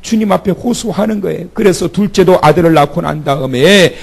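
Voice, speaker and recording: A man's voice: high-pitched, fairly quick, vocal fry, slightly rough. A male pastor preaching at a church prayer meeting in a conversational way, asking the congregation questions and having them repeat phrases after him. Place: church sanctuary.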